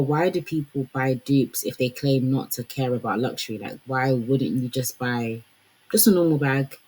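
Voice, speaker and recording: A woman's voice: extremely low pitch, mellow, breathy edge, poor audio. A young woman giving casual commentary on fashion and branding, chatty and full of fillers. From Congolese heritage. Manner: conversational, lots of fillers like "like" and "you know".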